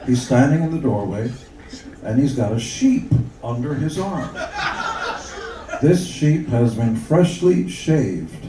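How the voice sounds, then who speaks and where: Lively, theatrical male joke teller. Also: medium pitch, takes it slowly. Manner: lively, theatrical storyteller who jokes with the audience. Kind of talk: telling bawdy jokes to a live crowd. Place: event room on a cruise ship. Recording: distant, echoey, noisy hall.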